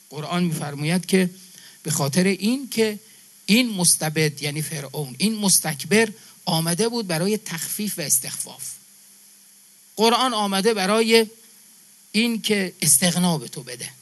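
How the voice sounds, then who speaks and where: A man's voice: high-pitched, a bit bright. A man from Iran giving a religious sermon to a gathering, building his points through emphatic repetition and calling his listeners brother and sister. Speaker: preacher.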